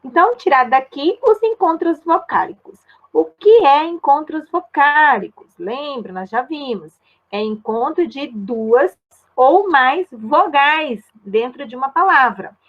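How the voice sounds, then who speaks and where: A woman's voice: sits high, expressive, a little slow, muffled recording. A woman with a Brazilian Portuguese accent, a primary school teacher giving a recorded grammar lesson step by step and often checking in with her pupils. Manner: patient, explains step by step and checks in with tag questions.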